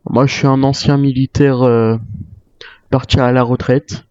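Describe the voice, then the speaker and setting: This is an improvised in-character monologue from a survival game, where a gamer plays a weary retired soldier thinking aloud hesitantly. His medium-pitched voice is clear, resonant and a little mellow, flat in delivery and unhurried, though the mic sound is dull and roomy.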